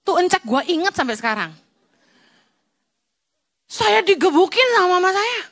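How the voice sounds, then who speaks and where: Woman pastor, middle-aged; very high, lively voice; blunt, scolding sermon delivery. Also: moderate pace. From Indonesia. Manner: blunt, scolding preacher mixing slang and English.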